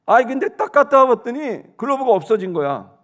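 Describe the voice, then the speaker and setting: A middle-aged man telling a childhood story, acting out the quotes with sudden shouts and hushed asides. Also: very high voice, sing-song, brisk. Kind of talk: animated storytelling.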